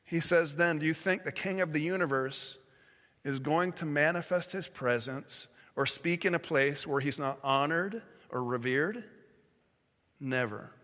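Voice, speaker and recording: A man preaches a sermon in a storytelling way, stumbling over words and correcting himself as he goes. His voice sits a little high for a man. A long reverb trails behind him, as in a large hall. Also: measured pace, pushed and bright. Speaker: pastor.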